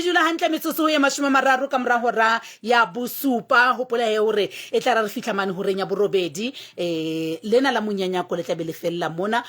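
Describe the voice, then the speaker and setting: A woman with a Sotho accent hosting live radio, exuberant and exclamatory, calling out shout-outs and repeating words in quick bursts. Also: medium pitch. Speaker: radio host. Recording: music behind the voice.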